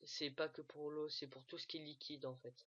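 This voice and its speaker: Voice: medium pitch, little pitch movement, moderate pace, fairly bright tone. A speaker walking viewers through a game tool in a casual screen-recorded tutorial, hesitating often, with many fillers and restarts. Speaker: gaming tutorial maker. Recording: dull lo-fi dry mic.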